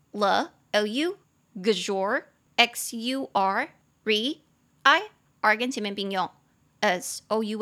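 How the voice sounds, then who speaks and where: A young woman runs a laid-back English lesson podcast, explaining words and spelling them out slowly. She sounds lively and amused at herself, and her voice sits on the high side.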